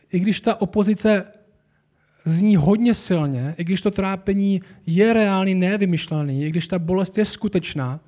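Male preacher, high voice, earnest sermon delivery that builds to animated emphasis.

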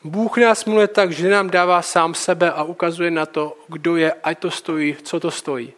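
Male preacher, high-pitched, alternates Bible reading with relaxed everyday commentary. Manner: reads scripture, then comments casually.

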